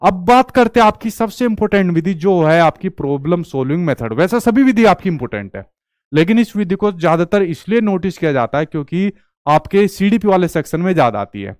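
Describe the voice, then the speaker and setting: A man's voice: high voice, sing-song, brisk, darkish tone, no room sound, studio quality. A male teacher giving an online exam-prep lecture. He keeps asking the class questions and answering them himself, and he drops into his speech.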